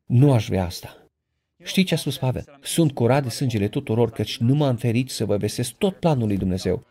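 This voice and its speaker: A man preaching a sermon, speaking directly to his listeners with questions and building to loud, emphatic peaks. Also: medium pitch, animated, breathy edge. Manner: emphatic, rises to loud passionate peaks when quoting; addresses the congregation directly with questions.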